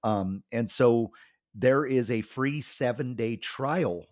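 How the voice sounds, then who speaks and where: This podcast host, also a pastor and author, speaks slowly in a mid-range male voice. He's got a cold that might make his voice crack, and his relaxed, rambling talk is full of ums.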